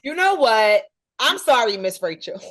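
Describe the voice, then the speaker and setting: A woman co-hosting a podcast in casual chat, talking quickly and chattily. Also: a little high, sing-song, fairly bright tone, dry recording. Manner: chatty and quick, laughs easily. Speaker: podcast co-host.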